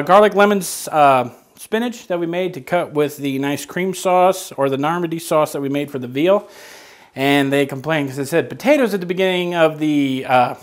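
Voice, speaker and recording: A man hosting a casual cooking show from a home kitchen, explaining each step with joking asides. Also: on the high side. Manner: chatty, joking asides while explaining steps.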